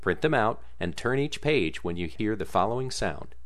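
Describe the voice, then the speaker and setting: Low-voiced man reading a formal intro. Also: animated, moderate pace, noisy background. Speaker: announcer. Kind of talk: scripted introduction.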